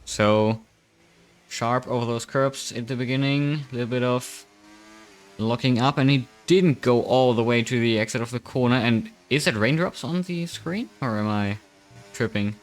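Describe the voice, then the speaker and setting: A man's voice: medium pitch, moderate pace. A young man commentating a sim racing qualifying session on a live stream, chatty and self-mocking, thinking aloud into a desk microphone.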